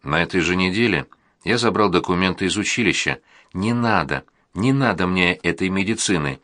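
A man narrating a first-person audiobook in a plain, even reading manner. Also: low-pitched, moderate pace, dry recording, studio quality.

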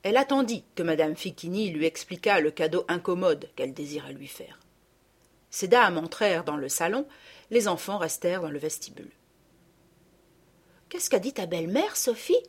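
A woman reading a children's storybook aloud, in an expressive narrating voice. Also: on the low side, a little fast, slightly rough. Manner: expressive, lively. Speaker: reader.

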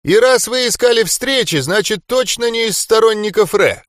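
A man voicing an excitable old rebel miller with a hoarse, eager way of talking. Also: high voice, moderate pace, no echo, studio quality, pitched above the performer's own voice. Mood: probing. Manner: eager, fervent.

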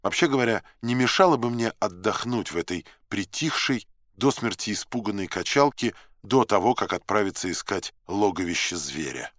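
A man narrates a novel in the first person with a low voice. His reading is measured and dramatic, with an ironic edge. The sound is dry and close to the mic. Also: expressive, fairly bright tone, no echo. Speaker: audiobook narrator.

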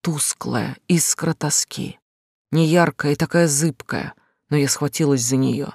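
A woman narrating a first-person romance novel as an audiobook, slow, emotional and pained. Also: low voice, vocal fry, a little mellow, breathy edge, dry recording, clean studio sound.

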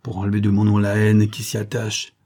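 A man's voice: fairly low pitch, monotone, brisk, warm tone, voice pushed down. A man doing a desperate impassioned young son. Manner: pleading, impassioned.

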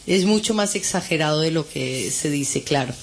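A woman's voice: deep voice, expressive, normal speed, slight background noise. A woman from Colombia, a theatre guest explaining things at length in a radio interview.

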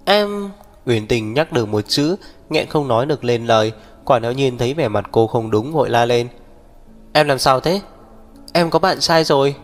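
A man reading a novel aloud in a steady, even storytelling manner. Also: mid-range voice. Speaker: audiobook narrator. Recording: long reverb, faint background music.

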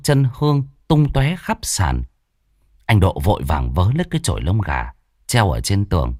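A man's voice: lowish voice, dry recording, clean studio sound. A man telling a ghost story in a vivid, dramatic way. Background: faint music.

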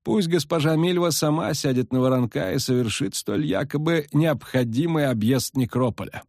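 Polite storybook gentleman, soft measured talk, slightly raised, a man doing him. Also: on the high side, no room sound, studio quality, pitched above the performer's own voice. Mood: calm. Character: calm courteous male barber-surgeon, measured.

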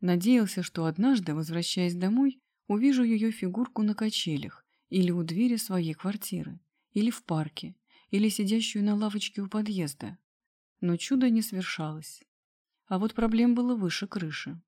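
Audiobook reader, woman, steady storytelling narration, first-person story. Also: mid-range voice, moderate pace.

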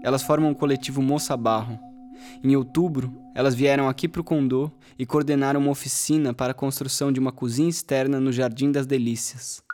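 A man's voice: medium pitch, steady tone, fairly quick, a little mellow. A man co-hosting a podcast, narrating the background of the episode and asking the guest questions in a plain, scripted way. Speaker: podcast co-host. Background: faint music.

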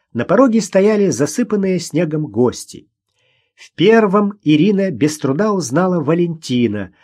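A man narrating a novel as an audiobook in a dramatic, expressive reading. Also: fairly high pitch.

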